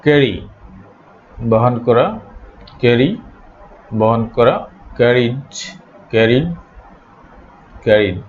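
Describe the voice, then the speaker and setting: Man from Bangladesh as an English teacher, very slow and drilling, each word said twice or three times, recorded on dull lo-fi audio. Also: mid-range voice. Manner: repeats each word slowly, drilling pronunciation. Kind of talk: slow spoken pronunciation lesson. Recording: dull lo-fi recording, faint noise.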